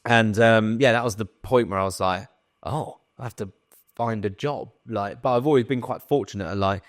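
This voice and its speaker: A young man telling a workplace story as a podcast guest, animated and swearing freely as he acts out what people said. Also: on the low side, normal speed, no echo, studio quality. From England. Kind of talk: casual storytelling.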